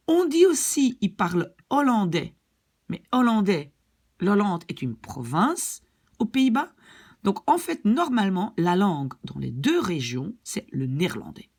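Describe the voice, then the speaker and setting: A woman's voice: on the low side, darkish tone, breathy edge. A woman from Belgium with a Belgian French accent, explaining a language point in a chatty, casual lesson, with lots of examples and asides. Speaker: Dutch language teacher.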